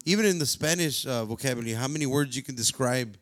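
A man's voice: mid-range voice, fast talker, faint music behind. A man in casual podcast chat, slangy and profane, switching between English and Spanish.

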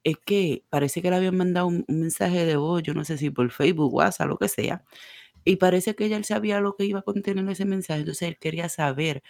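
A man co-hosting a casual podcast, telling animated anecdotes about his driving shifts and slipping in English phrases. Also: high-pitched, brisk, gravelly, dry recording, clean studio sound. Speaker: podcast co-host and driver. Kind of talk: casual storytelling.

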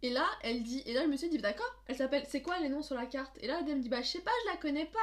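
A young woman co-hosts a podcast, recounting events in an animated, slangy manner. Her voice sits a little high and her words tumble out fast. It is relaxed, casual chat storytelling. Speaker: podcast co-host.

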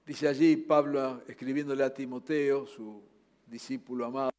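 Rioplatense pastor preaching in an echoing hall. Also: male voice, steady tone, normal speed. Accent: Rioplatense Spanish. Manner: earnest preaching, swinging between loud urging and soft low passages. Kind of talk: sermon. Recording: long hall reverb.

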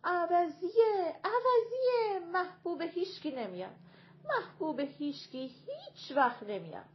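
A woman voicing a quarrelsome, mocking male clown of folk comic theater in an audiobook, talking loud and sing-song. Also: sits high, big pitch swings, dull audio, pitched above the performer's own voice. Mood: wailing.

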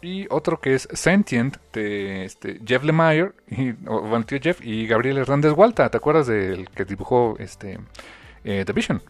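A man's voice: medium pitch, animated, no room sound, soft background music. Man hosting a comics podcast. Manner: rambling, many filler pauses. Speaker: podcast host. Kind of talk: casual chat.

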